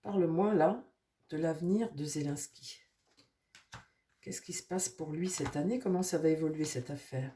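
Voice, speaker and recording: Speaking at a normal speed in a deep voice made nasal by a cold, a tarot reader rambles casually through a reading for her viewers. Fillers pile up, and she talks softly to her cards.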